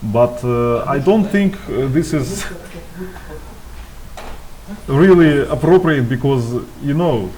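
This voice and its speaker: A man's voice: mid-range voice, lively intonation, takes it slowly, long pauses, a little mellow, rough recording. A man, co-hosting live commentary on a tabletop wargame, chatting and joking with many fillers. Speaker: co-host commentator.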